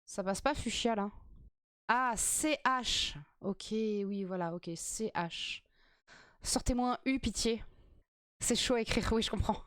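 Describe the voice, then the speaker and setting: A woman's voice: on the high side, slow, fairly bright tone, clean tone, dry recording. A woman streamer chatting casually and playfully while reacting to a TV quiz, swearing freely.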